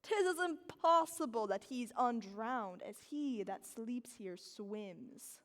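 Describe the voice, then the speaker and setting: A woman's voice: a little high, lively intonation, takes it slowly, a bit bright. A woman playing a scheming, ambitious courtier in Shakespearean stage style, with theatrical, declamatory, hammy delivery. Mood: persuasive, insistent. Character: scheming, ambitious courtier urging a drowsy lord to seize a crown. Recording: echoey stage hall with long reverb.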